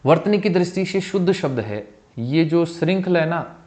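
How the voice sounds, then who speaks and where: A man teaching a Hindi exam-prep spelling lesson, repeating each word and its correct form and often dropping his voice softly at the ends of phrases. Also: on the high side, expressive, moderate pace. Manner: calls viewers "bhai", asks them questions; voice drops soft at the end of phrases. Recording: slightly dull, lo-fi sound.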